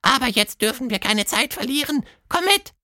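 A tiny, playful tentacled creature from a children's storybook squeaks its lines high and with wide swings. The voice stays earnest and eager. The recording is dry and close. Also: male voice, expressive, moderate pace, pushed and bright, dry recording, full character voice. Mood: squeaky, pleading. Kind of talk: storybook narration.

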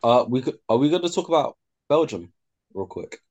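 A man's voice: medium pitch, big pitch swings, a little fast, darkish tone. A young man with a London roadman accent in casual football banter as a podcast co-host, chipping in with short slangy remarks. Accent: London, urban slang.

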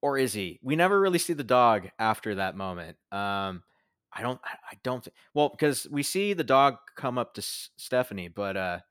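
A man's voice: mid-range voice, very animated, normal speed, a bit bright, clear, resonant tone, no echo, studio quality. A young man casually reviewing a movie with a friend, rambling with many fillers and restarts. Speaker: podcast co-host.

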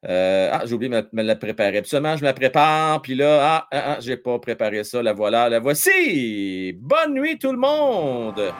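Hosting a casual live hockey stream, a man with a Quebec French accent jokes and reads viewers' comments aloud with lots of fillers. His medium-pitched voice is very animated, moving at a moderate pace with few pauses.

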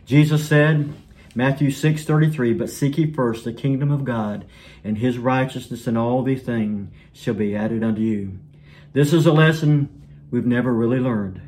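A man preaching a sermon in an earnest way, his voice sinking soft and low at the ends of lines. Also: normal speed.

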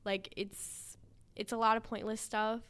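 A young woman co-hosting a podcast in casual chat, animated and using lots of fillers. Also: a little high, measured pace, clear, resonant tone. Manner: chatty, filler-heavy, animated. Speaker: podcast co-host.

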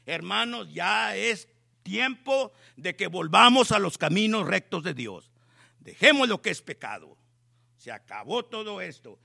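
A man preaching a sermon with passion, swinging from soft appeals to loud exhortations. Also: high voice, vocal fry.

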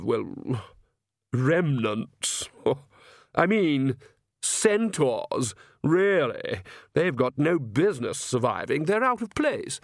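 A man's voice: mid-range voice, gravelly, no echo, studio quality. A man voicing a smug young male vampire aristocrat, drawling with disdain and amusement.

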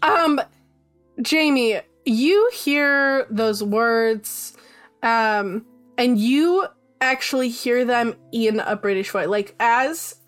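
Woman game master, halting delivery. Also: on the high side, soft background music. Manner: hesitant, many ums. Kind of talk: narrating a tabletop game.

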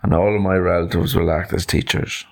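A man's voice: deep voice, level tone, fairly quick, creaky, darkish tone. A man voicing a stubborn, self-important male elephant, close to his own voice. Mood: pompous.

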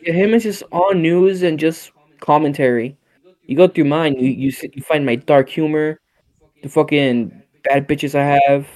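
A man's voice: on the high side, normal speed, darkish tone. A young man co-hosting a casual chat, blunt and profane as he retells family stories. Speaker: podcast co-host.

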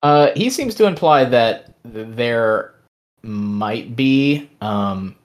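A man narrating as game master of a tabletop game, relaxed and rambling with fillers. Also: mid-range voice, slow pace.

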